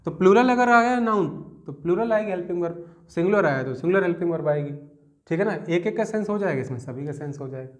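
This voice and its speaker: A young man with a Hindi accent and a high, expressive voice teaches a grammar lesson step by step. He asks his students questions and reads example sentences out slowly.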